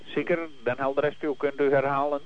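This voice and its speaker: A man's voice: medium pitch, completely flat delivery, brisk. A man working as a coast guard radio operator, heard over a marine VHF radio transmission, speaking in clipped, formal call-and-answer radio procedure. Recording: dull radio line with loud static.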